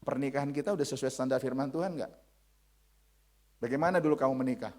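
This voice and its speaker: A man in his thirties preaching a sermon in a church, forceful, dropping to hushed lines and rising to shouted ones. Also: medium pitch, fast talker. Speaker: pastor. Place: church sanctuary.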